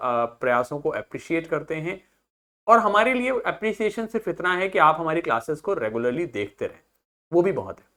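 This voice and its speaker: Man, online english teacher, hindi-english mix, repeats words to drill them, medium pitch. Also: a bit bright. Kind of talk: online vocabulary lesson.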